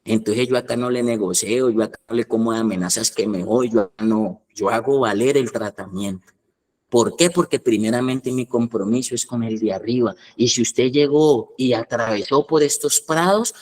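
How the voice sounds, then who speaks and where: A man preaching in a blunt, everyday way, stacking short repeated phrases to drive each point home. His voice sits at a middling pitch for a man and he leans hard on his words. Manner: emphatic, repetitive, colloquial preaching. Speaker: apostle and head of a rehab foundation. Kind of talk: sermon.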